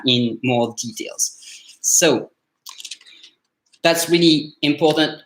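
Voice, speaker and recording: A French-accented man coaches learners in a casual live session, speaking in a mid-range voice with a sharp tone. His talk is loose, packed with fillers and restarts, and the recording has a roomy echo.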